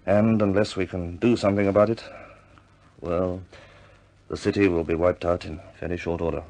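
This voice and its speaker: A low, steady, darkish male voice plays a grave senior British air force officer. He delivers a businesslike briefing in a deliberate, measured fashion, styled after 1950s war movies.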